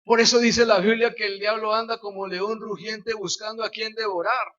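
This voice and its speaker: A man's voice: high-pitched, flat delivery, normal speed, fairly bright tone, muffled recording. A man preaching a sermon as pastor, acting out the voices of people in his stories.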